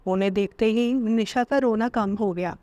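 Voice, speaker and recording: A woman reading a family story aloud as a storyteller, steady and expressive. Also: fairly high pitch, moderate pace, dry recording. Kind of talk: scripted narration.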